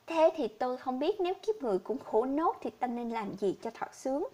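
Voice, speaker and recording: Woman reading as a sorrowful old villager, pleading, high-voiced. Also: very animated, fairly quick, dark tone. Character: poor grieving old man villager.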